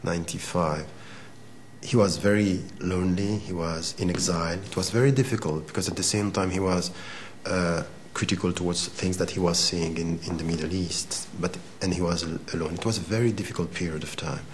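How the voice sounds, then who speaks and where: Speaking briskly in a low, steady voice, an interview guest in his forties gives thoughtful but hesitant answers, frequently repeating words. He is Swiss and a native Arabic speaker, and there's slight background noise.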